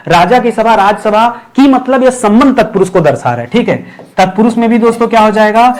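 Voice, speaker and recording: Man, high voice, exam-prep grammar teacher, repetitive, checks in with listeners. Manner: repeats key terms, checks in with listeners.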